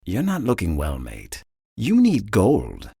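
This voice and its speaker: A man voicing a calm male government agent who talks in a measured, persuasive way. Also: lowish voice, gravelly, slightly rough, dry recording, clean studio sound, exaggerated voice.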